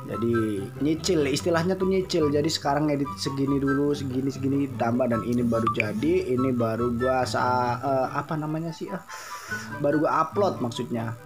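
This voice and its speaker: A young man with a Jakarta colloquial accent talks over his riding footage in a loose, joking way, full of slang and tangents. His voice sits at an ordinary middle pitch. Music plays clearly underneath. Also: normal speed. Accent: Jakarta colloquial Indonesian. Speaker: motovlogger. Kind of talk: dubbed voice-over commentary.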